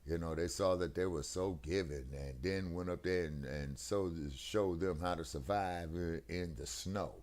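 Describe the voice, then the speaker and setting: Low-voiced man on a video call. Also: measured pace, hardly any pauses, darkish tone. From United States. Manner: emphatic, preachy, keeps asking "you see what I'm saying?". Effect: heard over a video call, connection breaking up. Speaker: co-host of a talk stream. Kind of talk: casual political discussion. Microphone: headset.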